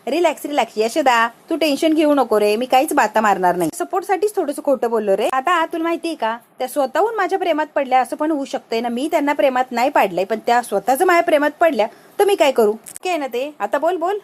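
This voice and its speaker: A woman voicing a joking, defensive young man who talks quickly and pleads. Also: sits high, expressive.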